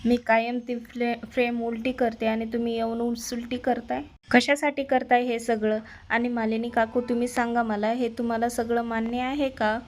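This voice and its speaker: A woman voicing a resentful young bride who refuses her marriage, speaking in sharp reproachful questions. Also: fairly high pitch, flat delivery, moderate pace, natural voice. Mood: angry.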